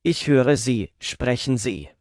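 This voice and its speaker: A man speaks short phrases slowly and clearly, repeating each one several times for learners. His pitch moves in a lively way, and the recording is dry and close. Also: no room sound. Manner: slow, clearly spaced repetition of each phrase. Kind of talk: slow repeated phrase drills.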